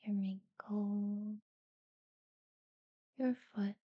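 A woman guiding a sleep meditation in a soft, breathy near-whisper, soothing and unhurried, with long pauses between short phrases. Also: medium pitch, fairly even intonation, dry recording, highs cut off. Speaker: guided relaxation narrator. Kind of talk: guided sleep meditation talkdown.

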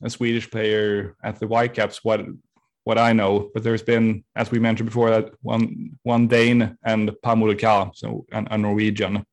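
Male interviewer, lowish voice, polite, stops and restarts a lot. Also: completely flat delivery. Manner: polite, halting questions. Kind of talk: casual conversational interview.

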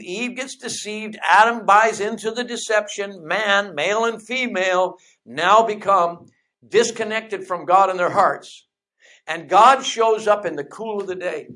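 A preacher in mid-sermon, building each point on a repeated refrain and answering their own rhetorical questions. Key phrases are slowed and drawn out for weight, and the delivery slips into relaxed conversational asides before returning to the refrain. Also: mid-range voice.

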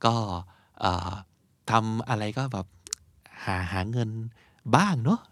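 A young adult man teaching vocabulary in a relaxed, chatty way, stopping to spell words out one letter at a time. His voice sits at an ordinary middle pitch. The recording is dry and close, with no room sound. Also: takes it slowly, no room sound. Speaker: English teacher and host. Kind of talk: explaining vocabulary in a casual podcast.

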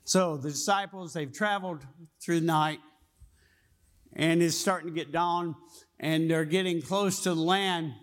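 A man's voice: on the high side, measured pace. A man preaching a sermon, telling the story in a folksy way and often asking his listeners questions. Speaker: pastor.

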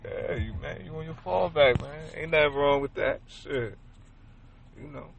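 A man hosting a casual late-night chat, easygoing and full of slang and shout-outs. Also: a little high, normal speed, creaky. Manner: laid-back, agreeable, lots of slang and shout-outs. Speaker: podcast host. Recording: faint music in background.

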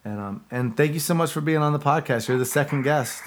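Male podcast host, rapid and rambling, casual delivery over a video call. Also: on the high side. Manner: rambling, loose and chatty. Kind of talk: casual chat.

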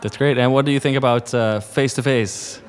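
A man's voice: mid-range voice, fairly even intonation, brisk. A man co-hosting a podcast, asking guests questions in a friendly, casual way. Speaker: podcast co-host. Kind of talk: casual interview. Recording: long reverb and faint noise.

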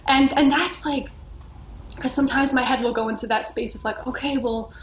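A woman's voice: high voice, fairly even intonation, a little fast. A woman podcast guest talking earnestly and reflectively, searching for words and restarting often. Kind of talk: reflective conversational sharing. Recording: echoey room with faint noise.

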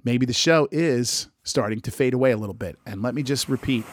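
A man with a strained, struggling voice, talking casually and a bit haltingly as he hosts a solo podcast. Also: medium pitch, slight background noise. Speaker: podcast host and radio DJ.

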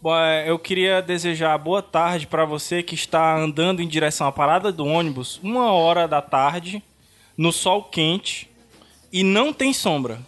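A man who is unwell co-hosts a casual podcast. His voice sits high for a man. He drops wry, deadpan asides into the chat. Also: normal speed. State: ill, under the weather. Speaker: podcast co-host.

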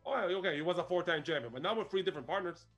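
A man with a fairly high voice, telling the story of a wrestling match in an animated, chatty way and laughing often. Faint music sits in the background. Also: rapid-fire. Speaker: podcast co-host. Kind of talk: casual wrestling recap chat.

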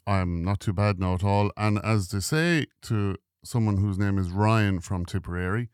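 A man's voice: fairly low pitch, moderate pace, a little mellow, clear, resonant tone, no room sound. A man with an Irish accent interviewing conversationally as a podcast host, close on a studio microphone.

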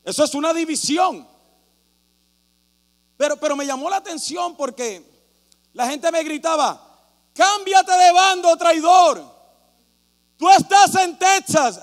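A man preaching a sermon as pastor, telling a story animatedly and acting out shouting crowds. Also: very high-pitched. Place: church hall. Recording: reverberant hall with mains hum.

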